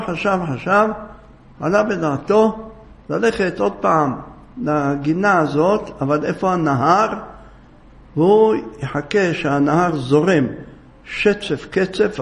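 Gravelly high-voiced male storyteller. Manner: dramatic, repetitive phrasing. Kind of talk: religious storytelling.

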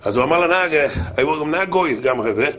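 A man preaching a humorous sermon, telling anecdotes in an animated way with many repetitions. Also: fairly high pitch.

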